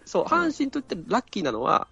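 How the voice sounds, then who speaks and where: A man in a casual podcast chat, explaining his view in a drawn-out way. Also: high-pitched, huge pitch swings, gravelly, crowd noise. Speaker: podcast panelist. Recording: dull lo-fi audio with faint music.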